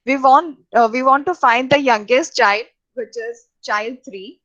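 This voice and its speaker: A woman teaches programming in a halting lecture, with many fillers and restarts. Her voice sits a little high, and the recording sounds dull and lo-fi. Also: a bit bright. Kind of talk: lecture over slides.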